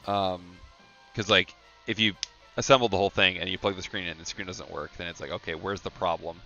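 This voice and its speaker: A sleepy American man hosts a live stream, talking shop in an easygoing way. His voice sits low yet carries a bright, forceful edge. The stream audio is a little dull and lo-fi. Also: fairly quick, soft background music. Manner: relaxed, easygoing, laughs often. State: sleepy, yawning. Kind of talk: casual chat about hardware.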